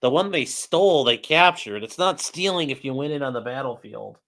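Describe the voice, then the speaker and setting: A streamer and legal commentator casually chats on his livestream while building a model, reading viewer comments and answering chat directly with sarcastic, offhand humor. His mid-range voice is animated, a bit bright and at normal speed, though the audio is poor.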